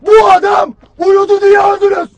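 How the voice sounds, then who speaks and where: An actor playing a stern, harsh army commander who berates his soldiers in a cold, clipped, shouted delivery. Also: extremely high pitch, level tone, moderate pace, noisy background. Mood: lecturing. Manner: cold, relentless, clipped questioning. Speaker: military commander. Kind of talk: film drama acting.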